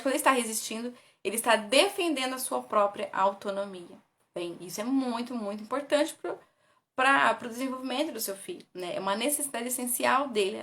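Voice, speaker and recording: A woman's voice: on the high side, fairly bright tone. A woman with a Brazilian Portuguese accent, a parenting educator, giving tips in a casual, conversational way and often tagging her sentences with a question. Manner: conversational, often ends with "né?", reads from notes.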